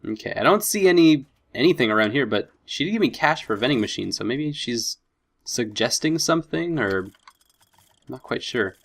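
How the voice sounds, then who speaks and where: A man's voice: mid-range voice, lively intonation, moderate pace, gravelly, fairly bright tone. A man hosting a let's play with casual commentary, thinking aloud and easily impressed. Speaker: gaming video host.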